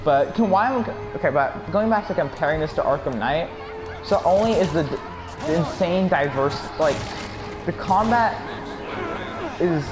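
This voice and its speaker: A man giving excited, rambling commentary while playing a video game, often restarting sentences and laughing. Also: fairly high pitch, a little slow, over music. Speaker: gaming YouTuber. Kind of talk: gameplay commentary.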